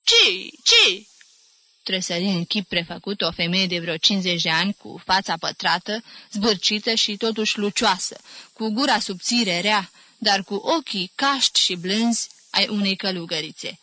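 A woman narrating a literary audiobook in a measured, clear storytelling manner. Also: medium pitch, bright, forceful tone, no echo. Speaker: audiobook reader.

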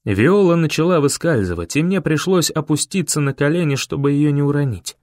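A man reads a first-person audiobook with a dramatic, intense delivery, voicing the characters' desperate cries. His voice sits a little high for a man. The recording is close and dry, with no room echo. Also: animated, fairly quick, a little mellow. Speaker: audiobook narrator.

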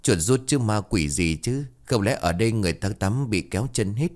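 A cocky young laborer in a spoken ghost story, teasing and quick, with a low voice that jumps around a lot, as a male storyteller puts him on. He talks fast and mocks everyone. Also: lively intonation, darkish tone, natural voice. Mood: mocking. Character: brash mocking young male worker.

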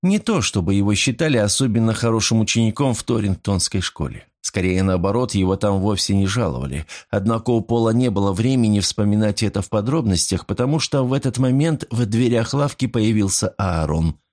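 Low-voiced male audiobook narrator. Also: expressive, a little fast, few pauses, a little mellow.

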